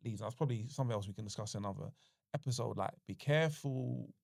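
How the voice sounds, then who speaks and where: A man's voice: medium pitch, fast, gravelly, no echo, studio quality. A middle-aged man co-hosting a podcast, chatting casually in an encouraging, reflective way. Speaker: podcast co-host.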